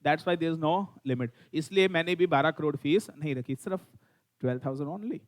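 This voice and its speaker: A middle-aged Indian-accented man lecturing a classroom on law. His voice sits fairly high for a man. He mixes in English, fires questions at students and teases them. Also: moderate pace. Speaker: law teacher.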